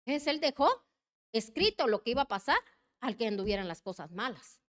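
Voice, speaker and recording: With a slightly high, expressive voice and a somewhat quick pace, a woman preaches passionately. She repeatedly calls her listeners her brothers, swinging from loud urging to quiet, heartfelt pleading.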